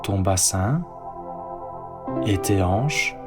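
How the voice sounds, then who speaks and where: A man leading a guided sleep meditation and bedtime story, speaking softly and calmly. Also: low voice. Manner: slow, soft, calm guiding delivery. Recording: soft ambient synth music underneath.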